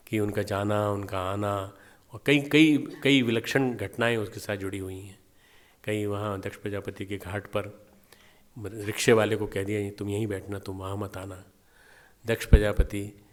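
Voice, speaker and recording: A man giving a devotional meditation class as a spiritual teacher, telling stories and repeating phrases for emphasis. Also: on the low side.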